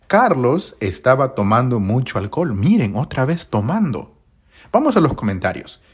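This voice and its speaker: A man's voice: medium pitch, big pitch swings, normal speed, husky. A man teaching English grammar in a live-streamed lesson, constantly asking viewers questions and repeating their answers back.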